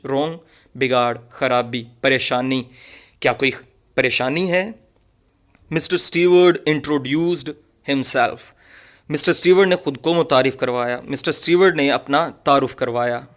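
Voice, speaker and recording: Man, english teacher, very slow delivery, repeats phrases with synonyms, mid-pitched voice. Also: fairly bright tone. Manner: reads each English phrase, then repeats it with several synonyms; corrects students' pronunciation. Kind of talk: line-by-line textbook reading and translation.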